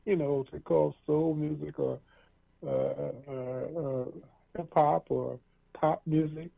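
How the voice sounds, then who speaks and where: On tinny lo-fi radio, a male host chats through a casual interview in a slow, creaky voice that sits on the high side with a steady tone. His talk wanders, packed with fillers and false starts, and he laughs frequently.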